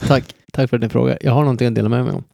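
A man's voice: mid-range voice, fairly even intonation, gravelly, warm tone, no room sound, studio quality. A man in his thirties hosting a film podcast, joking and rambling with lots of fillers and restarts. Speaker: podcast host. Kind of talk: casual film podcast chat.

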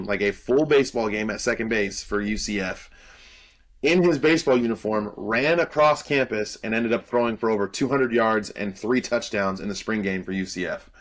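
A young man co-hosting a sports podcast, breaking down players in loose, confident casual chat full of "um" fillers. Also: mid-range voice. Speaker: podcast co-host and college football analyst.

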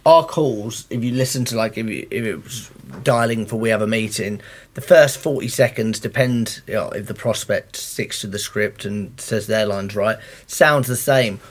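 A man in casual podcast chat who talks haltingly and fills his speech with "like" and "it's like". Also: fairly low pitch. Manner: halting, lots of "it's like" fillers.

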